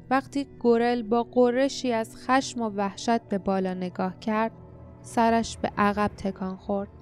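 A woman narrating a fantasy audiobook in a steady, dramatic storytelling manner. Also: on the high side. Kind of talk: scripted narration.

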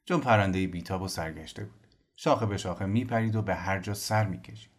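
A man narrating a novel as an audiobook in an expressive storytelling manner. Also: sits low. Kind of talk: scripted narration.

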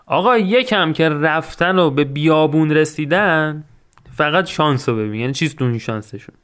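A man's voice: fairly high pitch, animated, a bit bright, clear, resonant tone. A man hosting a podcast who retells an old epic in casual, joking speech and recites verse lines between the storytelling. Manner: colloquial and joking, mixes slang with chanted epic verse. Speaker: podcast host retelling the Shahnameh.

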